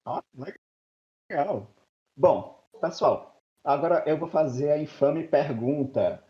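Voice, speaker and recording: A man's voice: fairly high pitch, animated, slow pace, dark tone. A man in his thirties from Maranhão, Brazil, hosting a casual group podcast in a playful, talkative way. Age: 30s. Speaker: podcast host. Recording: dull lo-fi recording.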